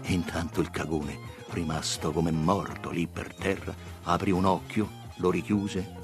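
A man reading a story aloud in a dramatic, expressive way. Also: low voice, unhurried, over music. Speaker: narrator.

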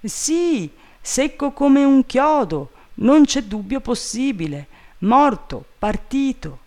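A man voicing an eager, simple-minded male servant calling down from a tree, in a high, drawling, plaintive voice. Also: sing-song, slow pace, darkish tone, heavily acted.

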